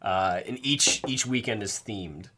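A man's voice: lowish voice, measured pace, bright, forceful tone. A man, co-hosting a casual podcast chat, joking and laughing often. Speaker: podcast co-host.

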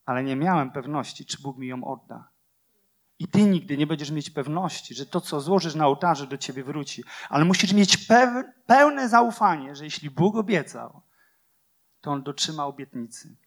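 A man's fairly high, expressive voice carries a passionate sermon at a moderate pace. Rhetorical questions and repeated phrases mark his preaching as he moves between loud declarations and quiet, hushed lines.

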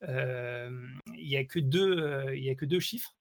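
A man's voice: mid-range voice, unhurried. A man co-hosting a casual podcast chat, talking with many fillers and laughing often. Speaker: podcast co-host.

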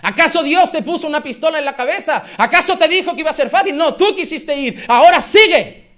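A man's voice: very high voice, expressive, fairly quick, a bit bright, pitched above the performer's own voice. A man voicing his stern, no-nonsense wife in a sermon anecdote, blunt and scolding.

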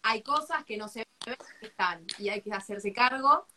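A woman's voice: on the high side, normal speed, a crowd in the background. A woman with an Argentine accent hosting a podcast interview, enthusiastic as she wraps up the chat. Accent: Argentine Spanish. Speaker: podcast host.

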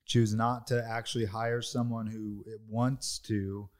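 A man's voice: lowish voice, level tone, takes it slowly. A man hosting a casual business conversation, coaching his guests in an emphatic way and laughing easily. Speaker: podcast host.

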